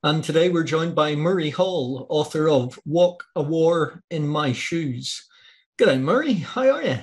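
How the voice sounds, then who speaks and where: A man's voice: fairly high pitch, lively intonation, a little slow. An Australian man hosting an author interview over a video call from a home office, friendly and asking questions in long run-on sentences. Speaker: interview host. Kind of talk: casual interview. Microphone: video call webcam.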